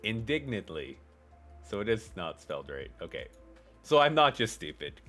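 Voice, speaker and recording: Lively low-voiced man mocking fan fiction. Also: normal speed, faint music behind. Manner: mocking, joking asides, laughs often. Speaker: streamer. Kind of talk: reading fan fiction aloud on a live stream.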